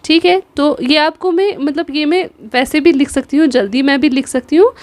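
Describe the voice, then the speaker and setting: A woman with a Kashmiri accent giving an exam-prep lesson on the Urdu script. She spells out the letters slowly and keeps checking in with her students. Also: high voice, dry recording. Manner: patient, repeats "theek hai", spells letters slowly. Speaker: Urdu teacher.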